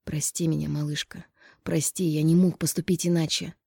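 A woman voicing a gentle, guilty man who speaks in a hushed, hoarse near-whisper. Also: sits low, little pitch movement, moderate pace, dry recording, studio quality, full character voice. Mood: pleading.

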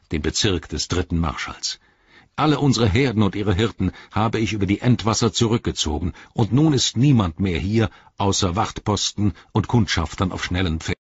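A man's voice: lowish voice, breathy edge, no echo, dull audio. A man reading as a proud, earnest horse-lord marshal who speaks forthrightly.

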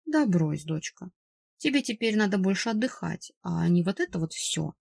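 A woman voicing a doting, stubborn middle-aged father who runs a company, coaxing and fussing but turning gruff and commanding, in an audiobook. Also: fairly low pitch, expressive, normal speed, darkish tone, dry recording, studio quality, exaggerated voice. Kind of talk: audiobook character voice.

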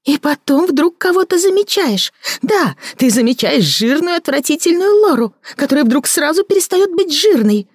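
A female reader performs an audiobook character voice: a bitter, jealous woman hurling scornful accusations in a shrill, overwrought tone. It is very animated and accusing, at a moderate pace with few pauses. The recording is dry and close, with nothing behind it.

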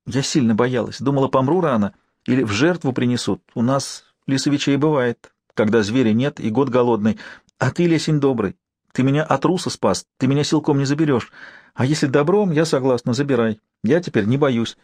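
A male audiobook reader voicing a frightened but eager young forest girl who talks in a quick, breathless patter. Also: medium pitch, a little mellow, dry recording, lightly acted.

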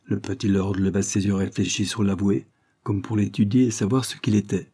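A man narrating a classic novel with a low voice. His tone is mellow and slightly husky. He reads in a measured, literary way. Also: steady tone. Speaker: audiobook reader. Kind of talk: scripted narration.

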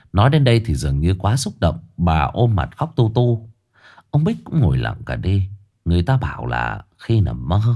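A man narrating a ghost story. His voice sits low but moves a lot in pitch, and he tells it with dramatic expression. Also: dark tone.

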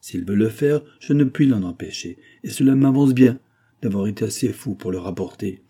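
A man's voice: fairly low pitch, moderate pace, mellow, slightly rough. A man reading the part of an accused male clerk who protests his honesty, in an indignant, protesting manner.

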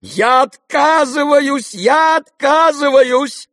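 A man voicing an indignant, hot-tempered middle-aged noblewoman in an audiobook, shrill and outraged. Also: drawn-out words, a bit bright, dry recording, studio quality, heavily acted.

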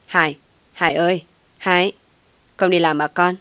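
A woman's voice: on the low side, fairly even intonation, moderate pace, a bit bright, clear, resonant tone, no room sound, close to an everyday voice. A woman voicing a stern, angry older mother who scolds harshly in an audio story.

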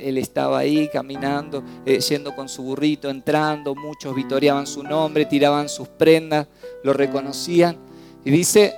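A man with an Argentine accent delivers a church sermon in a somewhat high voice. He swings between loud, urgent exclamations and hushed, low lines. Soft piano and guitar play faintly behind him. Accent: Argentine Spanish. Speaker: preacher. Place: church service.

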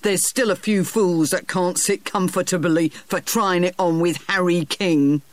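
A gruff, hearty old boss with a coarse, blunt way of talking, as a storyteller puts him on. His voice sits a touch above the usual for a man and reaches the ear close and dry. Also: high voice, fairly even intonation, unhurried, no room sound, voice pushed up. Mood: boastful. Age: older. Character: older blunt self-made male boss.

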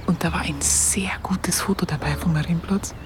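In a radio drama, an actress with a low-leaning, natural voice plays a photographer recalling her wartime youth, whispering at a moderate pace and steady tone over music. Her Bavarian accent shapes a hesitant, colloquial first-person account that feels reflective and confiding. It is an intimate recollection told as reflective storytelling.

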